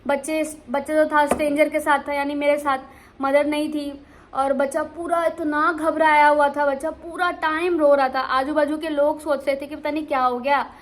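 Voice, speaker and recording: A young woman vlogger casually telling a travel story, animated and full of restarts. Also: high-pitched, normal speed. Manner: animated, many restarts and fillers.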